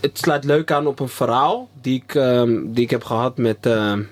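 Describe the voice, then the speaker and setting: A man, co-hosting a podcast in casual chat, rambling with many pauses and slang. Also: medium pitch. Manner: rambling, pauses with ehm, slang-heavy storytelling. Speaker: podcast co-host.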